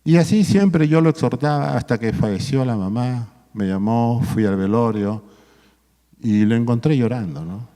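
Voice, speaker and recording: A pastor with a dark-toned, medium-pitched voice preaches a sermon at normal speed during a marriage workshop in a church hall, exhorting listeners as brothers and tagging his points with questions. The recording carries long hall reverb.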